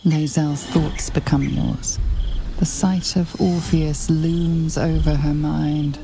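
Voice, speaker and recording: A woman playing a grave, mysterious storyteller, narrating a fantasy game in a hushed, deliberate, portentous way. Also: low-pitched, fairly even intonation, creaky, background noise, exaggerated voice.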